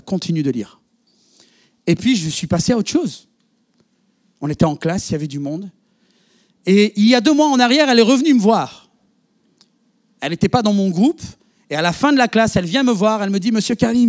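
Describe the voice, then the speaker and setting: A male pastor preaching to his congregation, telling a story and acting out the dialogue. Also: sits high. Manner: animated storyteller, quotes others in dialogue. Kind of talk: sermon with storytelling. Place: church.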